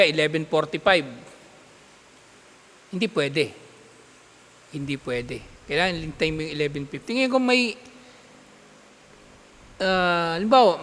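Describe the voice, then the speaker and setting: A man teaching an Islamic studies class, explaining patiently, checking with his students and reciting Arabic text in quick bursts. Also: a little high, fairly bright tone, in a large hall. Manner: explains patiently, checks understanding with repeated "okay?". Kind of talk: classroom lecture.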